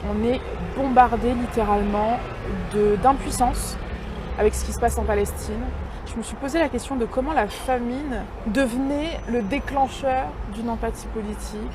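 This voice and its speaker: Thoughtful woman, noisy street behind. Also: fairly high pitch. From Congo. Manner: measured, many hesitations. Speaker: writer and poet, interviewee. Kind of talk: reflective interview answers.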